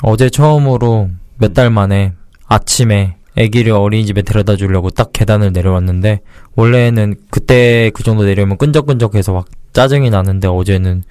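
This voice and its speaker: A man co-hosting a casual podcast chat, calmly telling an everyday story. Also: on the low side, brisk, clean tone, no echo, studio quality. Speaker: podcast co-host.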